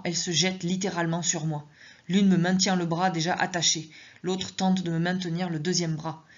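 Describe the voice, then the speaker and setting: A woman with a lowish voice reading her own suspense story in the first person. Her narration is measured and tense. The recording is dull and lo-fi. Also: breathy edge.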